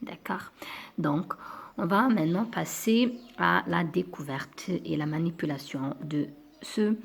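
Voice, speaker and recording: A woman's voice: on the low side, slow pace, vocal fry, a little hiss or hum. A woman teaching a grammar lesson to primary school children, patient and repeating key words.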